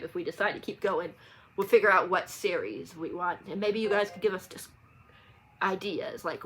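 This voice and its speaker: The speaker is a chatty book vlogger leading a read-along, talking informally to her audience, drifting and correcting herself. Her voice sits at medium pitch, a little bright, with some breathiness.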